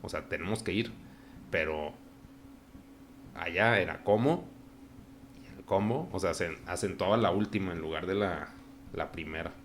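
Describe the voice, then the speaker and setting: A man with a northern Mexican accent talks casually as a podcast guest, often laughing as he acts out phrases. His voice sits low but has a bright, forward edge. A faint hum of room ambience sits behind him. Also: moderate pace, long pauses. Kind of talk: casual chat.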